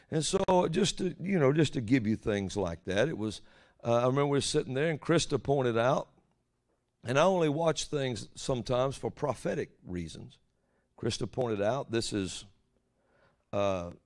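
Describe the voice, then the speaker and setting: A man's voice: mid-range voice, a little mellow. A man preaching an informal prophetic sermon in a folksy, rambling way, often putting rhetorical questions to his listeners.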